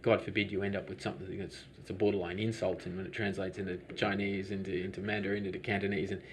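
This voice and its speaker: Talking fast in a low, fairly flat voice, the lavender farm owner wanders through his story in conversational interview answers. He hesitates, restarts often, and leans on fillers, and there's a little hiss or hum behind him.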